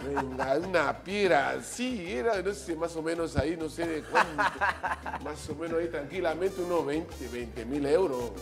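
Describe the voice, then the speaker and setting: A middle-aged Peruvian man with a Peruvian Spanish accent, hosting a casual chat in a lively, joking way and laughing often. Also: a little high, moderate pace, music in the background. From Peru. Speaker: podcast host.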